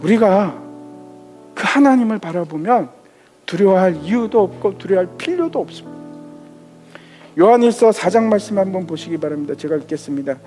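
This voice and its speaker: A man's voice: high voice, animated, a little fast, pauses often, darkish tone, in a large hall, faint music behind. A man preaching a sermon as pastor, building through rhetorical questions and emphatic repetition, in a large church sanctuary.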